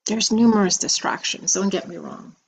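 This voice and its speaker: A woman giving a spiritual message video, soft-spoken and reflective, with many pauses and ums. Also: medium pitch, breathy edge, low-quality recording. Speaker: spiritual teacher.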